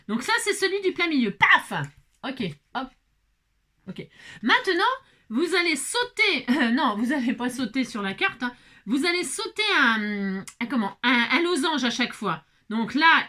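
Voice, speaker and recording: A woman's voice: fairly high pitch, fairly bright tone. A woman hosting a craft tutorial, explaining coloring steps in a chatty way, with many fillers and self-corrections. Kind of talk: casual step-by-step craft demonstration.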